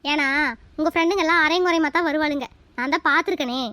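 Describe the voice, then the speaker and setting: A woman's voice: high-pitched, fast talker, no echo. A woman playing a chatty, cheeky young daughter-in-law in a family comedy skit. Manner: lively, cheeky.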